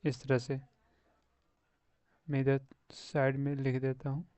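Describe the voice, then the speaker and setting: A man's voice: mid-range voice, completely flat delivery, takes it slowly, darkish tone, smooth, dry recording. A young man with a Hindi accent teaching English reading, spelling words out letter by letter and repeating them for beginners. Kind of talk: slow spelling-out lesson.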